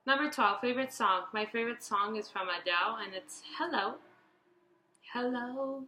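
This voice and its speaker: A woman's voice: fairly high pitch, normal speed, echoey room, a little hiss or hum. A 21-year-old woman chatting casually through a question tag video, reading each question out and rambling through her answers. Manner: chatty, rambling, restarts and fillers, reads questions out brightly. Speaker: beauty vlogger.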